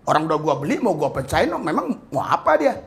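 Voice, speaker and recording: A man with a high-pitched voice delivers a sermon as pastor. His emphasis swings sharply, rising and growing louder on key words. Now and then he slips into the voices of the people he quotes. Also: sing-song, fast talker, vocal fry. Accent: Indonesian. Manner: preaching with sudden jumps in pitch and loudness, acting out quoted speakers.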